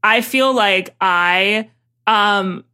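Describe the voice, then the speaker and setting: A woman's voice: medium pitch, drawn-out words, bright, forceful tone, smooth. A young woman co-hosting a podcast, chatting in dry, teasing banter. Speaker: podcast co-host. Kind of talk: casual chat.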